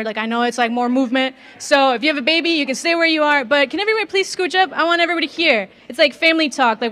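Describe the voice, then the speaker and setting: Her voice is high-pitched, pushed, and bright. This woman in her twenties, a native Spanish speaker from northern Mexico with a slight accent, is a guest speaker giving a chatty sermon on a handheld mic in a big gym, questioning the crowd as she goes.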